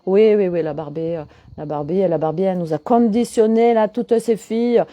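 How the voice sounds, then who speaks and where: A woman's voice: medium pitch, normal speed, mellow. A middle-aged woman, a holistic coach, chatting casually on a live stream and answering viewers' comments as she goes.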